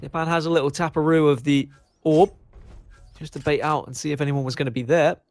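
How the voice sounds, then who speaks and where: Energetic man calling an esports match. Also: fairly high pitch, brisk. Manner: animated, jokey banter. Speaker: esports commentator. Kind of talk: play-by-play commentary.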